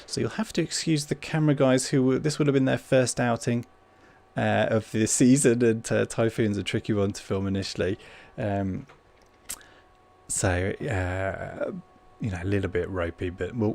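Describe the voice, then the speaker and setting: A man with a fairly low, gravelly voice hosts a livestream. He chats casually and rambles a little, pausing and hesitating as he goes. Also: darkish tone. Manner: hesitant, rambling, informal delivery. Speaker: livestream host.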